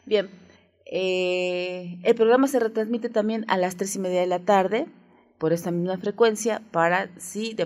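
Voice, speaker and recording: A woman's voice: lowish voice, a little mellow. A woman with a Mexican accent hosting a children's radio show, talking in a playful, coaxing way and often checking in with her young listeners. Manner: playful, coaxing, keeps asking listeners "right?". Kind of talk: friendly radio talk for children.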